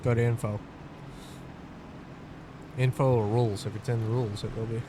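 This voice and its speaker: A man's voice: medium pitch, flat delivery, normal speed. A man chatting casually while sim racing, bluntly thinking aloud about his driving with the odd mild swear. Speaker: sim racing driver and streamer. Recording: clear engine noise behind voice. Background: car engine noise.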